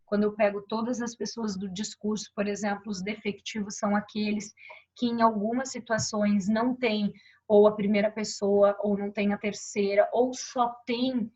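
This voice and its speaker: A woman's voice: mid-range voice, flat delivery, normal speed, a little mellow. A woman teacher explaining verb grammar and pointing to examples on a board, often checking in with her students. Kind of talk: grammar lesson. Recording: dull lo-fi recording.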